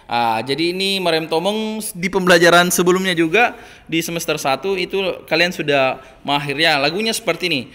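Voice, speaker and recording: A male primary school teacher giving a recorded online lesson, hesitant with many fillers and gently admonishing. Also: fairly high pitch.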